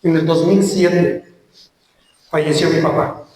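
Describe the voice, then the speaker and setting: A man with a Mexican Spanish accent preaching a sermon and telling a personal testimony, slow and emphatic. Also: on the high side, level tone, a little mellow, slight background noise. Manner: earnest storytelling, slow emphatic phrases. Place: church hall. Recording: very echoey hall, from far off.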